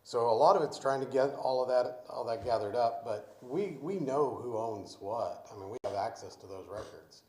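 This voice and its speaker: Man speaking loudly in an echoey meeting room. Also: medium pitch, normal speed, hardly any pauses. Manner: speaks loudly over background noise, explanatory. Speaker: city official at committee meeting. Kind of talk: public meeting discussion.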